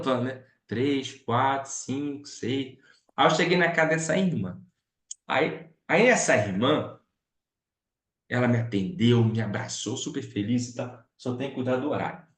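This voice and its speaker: A man, a pastor, telling stories as he teaches a missions class, chatty and often asking his listeners questions. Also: mid-range voice. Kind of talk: storytelling lesson. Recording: roomy echo.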